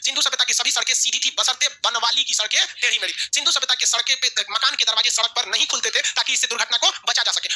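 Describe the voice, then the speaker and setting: Fast, bright-voiced Bihari Hindi teacher. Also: male voice, extremely high pitch. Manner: rapid, animated, asks and answers own questions. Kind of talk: classroom lecture with call-and-response. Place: classroom.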